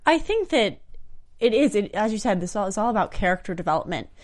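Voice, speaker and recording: A woman's voice: medium pitch, very animated, quick pace. Chatty, modest woman panel guest. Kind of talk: casual panel chat. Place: studio.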